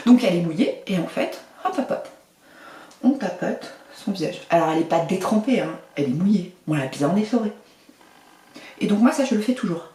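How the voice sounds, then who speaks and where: A woman's voice: fairly low pitch, warm tone, distant mic. Chatty woman in an echoey room. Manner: chatty, with playful "hop hop hop" asides. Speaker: beauty vlogger. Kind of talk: casual makeup tutorial chat. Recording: echoey room, mic set back.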